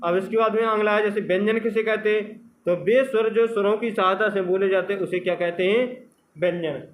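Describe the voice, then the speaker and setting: A man's voice: high-pitched, fairly even intonation, brisk, a little hiss or hum, poor audio. A male teacher giving an exam-prep grammar lesson, asking questions and answering them himself, drawing out the sounds of letters.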